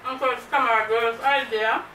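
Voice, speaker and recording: A woman's voice: fairly high pitch, fairly even intonation, brisk, bright, forceful tone. A woman with a Jamaican accent hosting a mukbang vlog, chatting to camera and slipping into patois. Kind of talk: casual chat to camera. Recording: echoey room, mic far off, faint noise.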